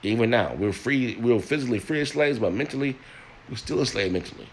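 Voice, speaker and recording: A man's voice: mid-range voice, lively intonation, a little fast, a little hiss or hum. An older man in a personal monologue, earnest and plain-spoken, often repeating words and restarting as he speaks to listeners.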